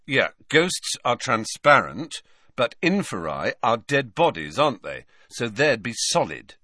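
Man reading as a frustrated teen boy, mutters, bright lively tone. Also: medium pitch, measured pace, no echo, studio quality, exaggerated voice. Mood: muttering. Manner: muttered, unsure replies. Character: frustrated teenage boy wizard.

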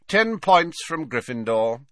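A man's voice: on the high side, big pitch swings, slow, a bit bright, no room sound, studio quality, pitched above the performer's own voice, full character voice. A man voicing a cold, sneering male teacher with a bored, mocking drawl.

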